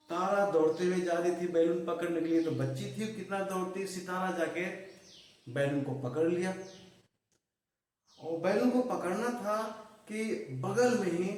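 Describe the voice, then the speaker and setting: A man narrating a motivational story, unhurried, with rhetorical asides to the listener. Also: a little high, darkish tone. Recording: echoey room, far from mic.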